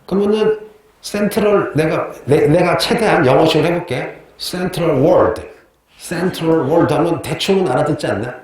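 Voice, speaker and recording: With a voice on the high side, brisk and a little mellow, a male history teacher talks chattily to his class. He poses questions and answers them himself, repeats key terms, and tells joking stories. The classroom is very echoey, with faint noise.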